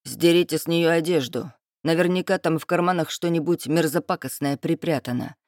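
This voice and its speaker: Hulking brute gang boss, as a woman puts him on, crude, menacing, slow contemptuous drawl, deep, dry audiobook sound. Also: a little mellow, no room sound, natural voice. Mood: leering, commanding. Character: hulking male thug leader, crude and menacing.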